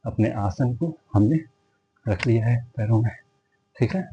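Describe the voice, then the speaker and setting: Over music, a Hindi-accented yoga instructor leads a guided class in an unhurried, mid-range voice. He counts breaths, keeps calling his viewers friends, and reassures them to rest when tired and avoid straining. The audio sounds dull.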